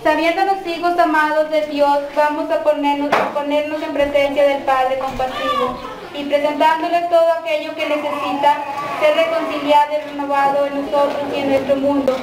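Mexican woman, prayer leader at a mass; steady liturgical recitation, very reverberant distant church sound. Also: high-pitched. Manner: measured, even recitation leading responses. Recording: echoey church from far off, faint noise.

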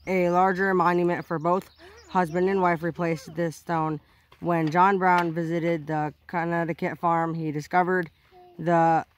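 Young man stumbling through plaque readings outdoors. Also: a little high. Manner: stumbling reading with restarts and self-corrections. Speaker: vlogger exploring a historic site. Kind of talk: casual vlog narration, reading plaques aloud. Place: outdoors on a rural hiking trail.

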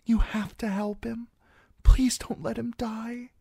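Shy young serving girl, soft and pleading, pitched high, as voiced by a man. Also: little pitch movement, slow, gravelly, breathy edge, no room sound, clean studio sound, full character voice.

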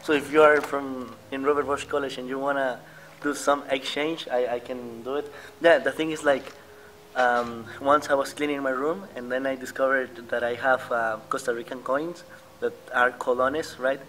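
A man's voice: mid-range voice, fairly even intonation, moderate pace, a bit bright, a little hiss or hum. A man in his late teens, a student vlogger, chatting casually outdoors beside a building and rambling with lots of fillers and small laughs. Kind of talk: casual vlog chat.

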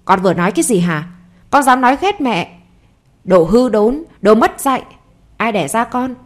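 A woman's voice: fairly high pitch, moderate pace, lightly acted. A woman acting a furious betrayed wife. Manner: sharp, scolding outbursts.

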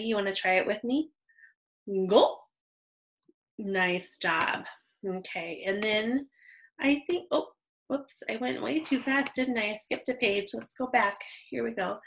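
A woman's voice: on the high side, fairly bright tone, a little hiss or hum, poor audio. A young adult woman teaching an online reading lesson to young children, patient and encouraging, on a computer microphone.

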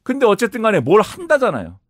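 A man's voice: high-pitched, fast talker, dry recording. A man talking through politics as a commentator guest, explaining points step by step in a studio discussion. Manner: explanatory, lively with sudden rises and drops. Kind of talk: analytical discussion.

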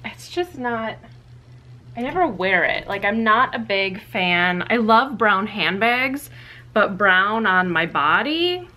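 Bright-voiced young woman chatting casually. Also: medium pitch, expressive, slow. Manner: chatty, filler-heavy, candid. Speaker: vlogger. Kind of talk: casual closet clean-out vlog. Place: small walk-in closet, indoors. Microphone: camera on a tripod, a few feet away.

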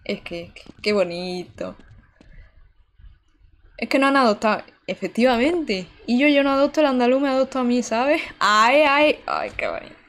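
A woman's voice: a little high, expressive, normal speed. A young woman from Barcelona streaming a video game live, chatting with viewers in a casual, exclamatory, giggly way, speaking into a desk mic indoors. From Barcelona, Spain. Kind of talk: casual live-stream chat while gaming. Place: indoor room.

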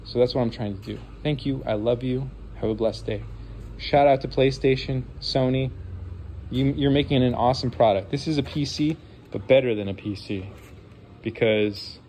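Taking a game console apart at home, a man in his forties with a sniffly nose keeps up a casual, enthusiastic hands-on commentary full of rambling apologies. His medium-pitched voice is steady and a little mellow at a normal speed, with slight hiss or hum.

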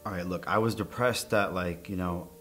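Guy acting nervous witness in a cop drama, low voice, hesitant n evasive, rambles awkwardly. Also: steady tone, normal speed, a bit bright, soft background music. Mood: uneasy, defensive. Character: nervous, awkward male witness being questioned by police. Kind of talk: naturalistic screen acting, interrogation scene.

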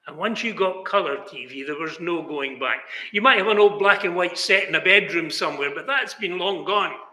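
An older man preaches a sermon in a small indoor chapel with a banner behind him, earnest and emphatic and gesturing with both hands. His voice sits high with a sharp tone at normal speed, and the chapel gives it a roomy echo.

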